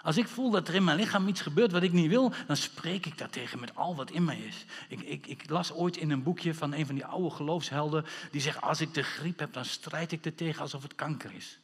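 High, lively preaching man in a reverberant hall. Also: fairly quick, few pauses, slightly rough. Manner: animated preaching with rhetorical questions and sudden shouts. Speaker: pastor. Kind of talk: sermon.

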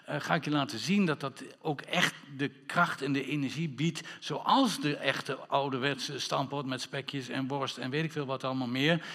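A man preaching a sermon as pastor, playful with wordplay and calling for amens from the congregation. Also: medium pitch. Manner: lively, playful wordplay, calls for amen. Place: church hall. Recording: reverberant church hall.

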